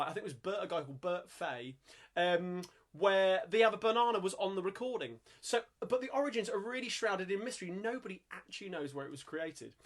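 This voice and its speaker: High-voiced London man hosting a singalong. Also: fairly bright tone. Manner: chatty and upbeat, breaks into music-hall singing. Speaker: singalong host and pianist. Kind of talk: casual live-stream chat with singing. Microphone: home streaming mic.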